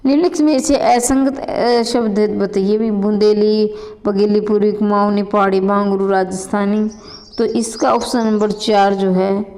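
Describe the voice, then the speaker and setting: Woman teacher walking students through exam answers, mellow highish voice, long reverb. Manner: addresses students as children, repeats questions and answers aloud. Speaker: Hindi exam coaching teacher. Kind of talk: exam answer walkthrough lesson.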